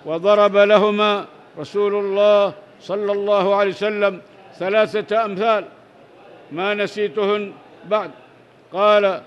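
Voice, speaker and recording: A high-voiced man teaching hadith reads at normal speed with a clean tone, pausing often and holding his pitch steady and narrow. After working through each narrator chain, he explains the passage simply and offers short prayers throughout.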